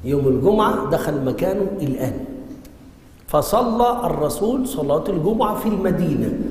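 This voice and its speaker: A man's voice: fairly high pitch, expressive, brisk, darkish tone. A man with an Egyptian accent teaching a religious lesson, often firing questions at his students and waiting for them to answer. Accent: Egyptian Arabic. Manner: quizzes students with frequent call-and-response questions. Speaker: Islamic jurisprudence teacher. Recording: echoey hall reverb.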